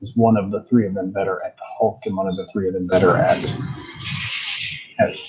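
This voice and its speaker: A man's voice: sits low, flat delivery, fairly quick, lo-fi sound, noisy background. A man co-hosting a casual movie review podcast, talking at length and posing questions to the others. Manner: expansive, asks the others questions. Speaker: podcast co-host.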